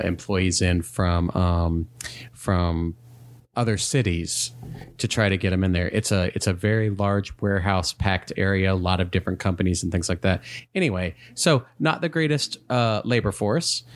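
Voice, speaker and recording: A man, a podcast guest, casually telling work anecdotes in a halting, think-aloud way. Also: sits low.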